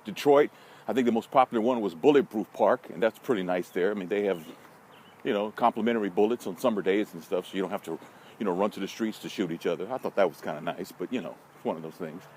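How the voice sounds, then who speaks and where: An American man with a lowish, darkish voice talks fast, casual and blunt, rambling to listeners with wry, folksy asides as he walks through a park. He's a vlogger and social media marketing consultant. The noisy outdoor recording picks up city ambience and passing vehicles.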